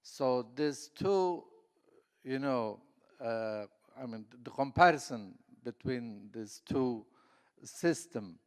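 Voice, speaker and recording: On a conference panel in an echoey hall, a man from southeast Turkey whose first language is Kurdish speaks with many fillers and restarts. His medium-pitched voice is expressive and clean, and he talks slowly.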